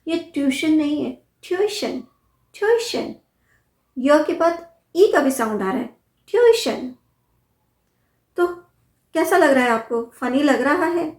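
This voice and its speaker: A woman teaching English pronunciation in a casual video lesson, chatting with the viewer, asking questions and repeating words slowly. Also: sits high, roomy sound.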